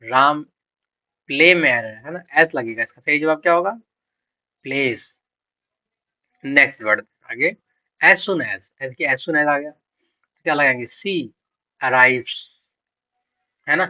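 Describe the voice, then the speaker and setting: A man's voice: fairly high pitch, slow pace, long pauses, sharp tone, no room sound, poor audio. A man teaching English grammar for exam prep. He quizzes students, answers his own questions and spells out words letter by letter.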